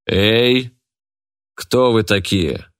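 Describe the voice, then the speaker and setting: A man's voice: lowish voice, expressive, clean tone, no room sound, clean studio sound. A man voicing a smug, greedy male auctioneer who draws out his announcements. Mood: gloating. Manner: drawn-out, gloating announcing.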